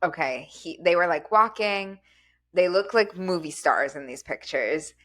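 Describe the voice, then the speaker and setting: A young woman co-hosting a podcast, chatting in a relaxed, agreeable way with many fillers. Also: fairly low pitch, a little slow. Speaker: podcast co-host. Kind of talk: casual chat.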